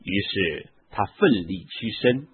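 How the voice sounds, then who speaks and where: A man reads scripture in a measured, solemn way, slow and very husky. His pitch rises and falls with lively movement. The sound is thin and tinny, like a phone line. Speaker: scripture reader. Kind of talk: scripture reading.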